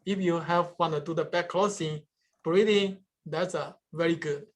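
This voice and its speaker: A man answering questions after his research seminar, speaking haltingly with many restarts and fillers. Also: on the high side, fairly even intonation. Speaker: guest speaker, peanut breeding researcher.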